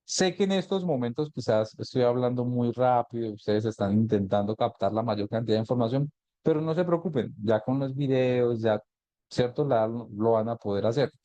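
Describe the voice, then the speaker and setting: Man teaching a software class, mellow voice. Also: mid-range voice, normal speed, dry recording. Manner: explains step by step, often asks "¿cierto?". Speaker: GIS instructor. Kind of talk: live online class, screen-share tutorial.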